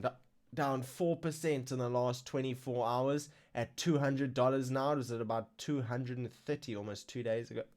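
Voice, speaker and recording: Guy hosting a crypto livestream, kinda high voice, hiccuping, gets all worked up over the numbers. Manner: excitable, exclaims over numbers. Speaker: crypto news live stream host. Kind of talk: casual live-stream news roundup.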